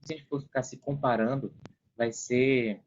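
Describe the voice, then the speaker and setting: A man with a Brazilian accent, medium pitch and fairly even intonation, speaks at a normal pace as a podcast guest, casually explaining things and acting out hypothetical quotes along the way. The recording is muffled, with a little hiss or hum.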